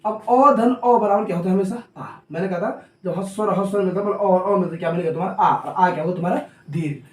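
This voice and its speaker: A man's voice: high voice, fast talker. Man teaching a repetitive classroom lesson. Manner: repetitive call-and-answer questioning; says he talks hurriedly. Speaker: coaching teacher. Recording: roomy echo, mic at a distance.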